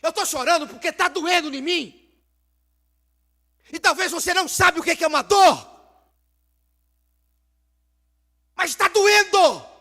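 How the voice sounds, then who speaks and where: A man voicing a grieving barren woman who pleads loudly and in anguish to God. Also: very high-pitched, fast, big-room sound. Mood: anguished pleading.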